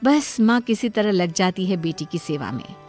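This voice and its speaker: A woman narrating a cartoon story in a plain, even storytelling manner. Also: medium pitch, normal speed, soft background music.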